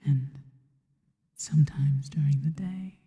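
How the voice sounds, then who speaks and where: This ASMR roleplay features a woman acting as a seductive spider woman, whispering in a deep, breathy, very dark voice over lo-fi sound. She is unhurried, devoted and deliberate in her slow, intimate phrasing, and each line trails off into long hall-like reverb.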